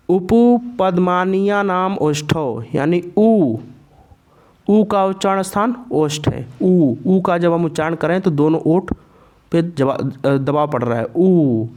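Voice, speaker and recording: A man's voice: a little high, a little mellow. A man teaching a Sanskrit pronunciation lesson, carefully sounding out each letter aloud for learners. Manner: slow and deliberate, repeats each sound aloud to demonstrate. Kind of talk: explaining a grammar lesson.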